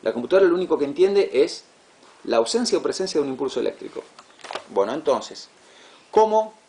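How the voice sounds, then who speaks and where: Man, classroom lecture, gravelly voice, patient, repeats himself. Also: on the high side, very animated, fairly quick, warm tone. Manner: patient, repeats words, asks "¿sí?" to check. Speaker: teacher.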